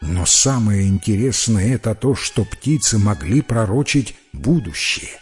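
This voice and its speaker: A man reading a fairy tale aloud in a calm, expressive storybook narration. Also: fairly low pitch, measured pace. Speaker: audiobook reader. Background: faint music.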